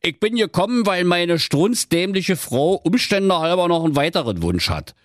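A man's voice: a little high, expressive, normal speed, no room sound, clean studio sound, pitched above the performer's own voice, natural voice. A man voicing a good-natured, henpecked excavator driver who pleads and grumbles about his wife. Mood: soothing. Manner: pleading, exasperated, rhyming chants. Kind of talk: comic fairy tale reading.

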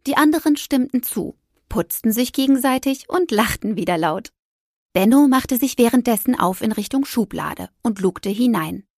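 A woman narrating a children's story with gentle, lively storytelling. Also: on the high side, moderate pace, no room sound, studio quality.

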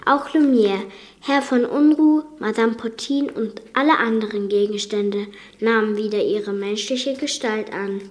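Woman narrator, slow, unhurried, calm fairy-tale podcast host. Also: on the high side. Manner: calm, measured reading.

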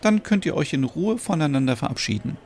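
A man's voice: on the high side, expressive, fairly quick, darkish tone, slightly rough, voice pushed up. A man voicing a bossy, impatient woman in a podcast soap opera. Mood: calm.

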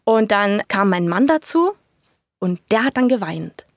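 A mid-pitched woman talks candidly and colloquially about her own experience. She sometimes sinks into a soft, breathy half-whisper. Her voice sounds dry and close. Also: animated, unhurried, no room sound. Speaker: guest sharing a birth story. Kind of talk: casual conversation.

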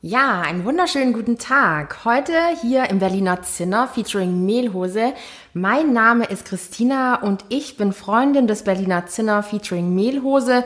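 A woman's voice: medium pitch, moderate pace, soft background music. A woman interviewing two podcast hosts, with an upbeat, inviting manner.

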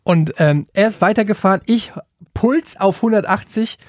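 A man from Frankfurt tells a story on a podcast, his voice sitting a little high for a man. He rambles and restarts, then gets heated. The sound is close and dry, with no room in it. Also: normal speed, no room sound. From Frankfurt, Germany. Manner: rambling, with many restarts and hesitations, getting worked up as the story builds. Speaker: podcast co-host. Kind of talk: casual storytelling chat.

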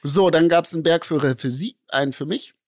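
A man, telling a long story as a podcast co-host in a lively, slangy way and acting out the voices in it. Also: fairly high pitch, a little fast, no room sound, studio quality. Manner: animated, acts out voices in his anecdote, slangy. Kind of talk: casual storytelling among friends.

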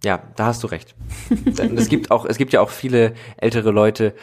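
A man's voice: on the low side, moderate pace. A man hosting a podcast, chatting casually and thinking aloud as he talks. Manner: relaxed, thinking aloud with fillers and restarts. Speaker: podcast host. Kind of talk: casual conversational interview.

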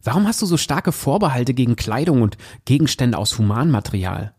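A man's voice: mid-range voice, very animated, a little fast, darkish tone, breathy edge. A man reading as a defiant young bride-to-be. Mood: pleading. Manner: pleading and insistent. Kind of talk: reading aloud from a story.

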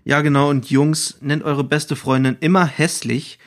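A man's voice: a little high, flat delivery, unhurried. A man co-hosting a casual book podcast, sarcastic in his remarks and reading the narration aloud. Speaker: podcast co-host and narrator of excerpts.

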